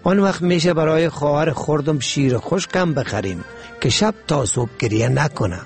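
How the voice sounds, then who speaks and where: A man voicing a poor, timid little schoolgirl with an Afghan Dari accent, pleading softly and shakily in a read-aloud story. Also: a little high. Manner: soft, trembling pleading.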